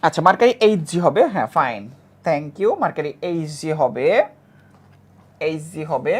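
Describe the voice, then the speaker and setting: A woman teaching a chemistry class with a Bangladeshi Bengali accent. She repeats key facts and asks the students quick questions. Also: deep voice, animated. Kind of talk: classroom lecture.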